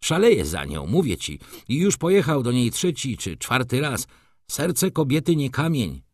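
An excitable old shop clerk, as a man reading the book puts him on, fussing and coaxing in a raised, lively voice that leaps up and down. His talk is eager and chattering, and the dry, close reading leaves no room sound around him. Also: medium pitch, normal speed, dry recording, pitched above the performer's own voice. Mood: chattering, gossipy.

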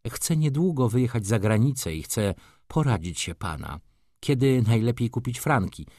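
A man's voice: medium pitch, expressive, normal speed, dark tone, no echo, studio quality, pitched above the performer's own voice. A man reading an audiobook, voicing a haughty, capricious society lady who talks in an offended, reproachful, coquettish way.

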